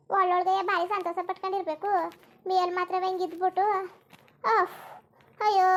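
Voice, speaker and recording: Girija, shrill bitter old mother-in-law. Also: fairly bright tone. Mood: moaning, self-pitying. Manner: wailing, moaning and cursing under her breath. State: in pain with a hurt back. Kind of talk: cartoon voice acting.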